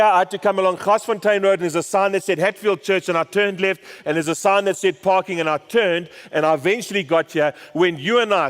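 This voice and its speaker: A man preaching a sermon, telling stories and dropping soft and slow to drive home a point. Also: high-pitched, long reverb tail. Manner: story-driven, drops soft and slow for emphasis. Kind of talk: sermon with storytelling. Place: large church hall.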